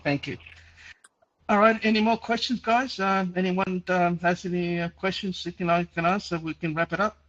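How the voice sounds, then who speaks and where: A man in his sixties, who grew up in Chile, hosts a casual call-in and answers listeners. His voice sits a bit high for a man. He rambles, repeats himself and fills his talk with "uh" and "um", and the audio sounds muffled and lo-fi. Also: fairly even intonation, normal speed, a bit bright. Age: 60s. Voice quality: nearly deaf. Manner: rambling, repeats words, frequent fillers. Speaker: host answering listener questions.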